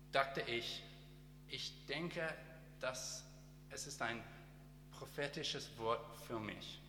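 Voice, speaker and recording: A man from Australia whose first language is English, giving a short sermon in careful, halting German with many pauses and restarts. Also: medium pitch, pushed and bright, roomy sound, big-room sound, slight background noise. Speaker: guest speaker and teacher. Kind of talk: church testimony and short sermon.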